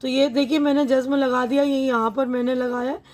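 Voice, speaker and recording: A young adult woman teacher explaining a textbook lesson patiently, sounding words out slowly and often checking that students follow. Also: high-pitched, fairly even intonation, a little mellow.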